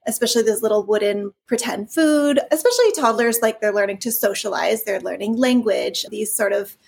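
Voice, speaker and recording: A woman from California who was raised in Hawaii, now a toy company founder, talks at length as an interview guest in a fairly high, brisk voice that is gravelly, a little mellow, and slightly rough. She is chatty and rambling, with many fillers and frequent restarts.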